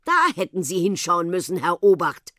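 A woman voicing a cheeky young girl in a storybook reading, quick and pert. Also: on the low side, big pitch swings, bright, forceful tone, dry recording, studio quality.

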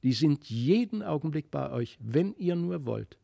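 A man voicing a gentle magical child. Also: a little high, lively intonation, a little slow, creaky, dry recording, clean studio sound, full character voice. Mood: inviting.

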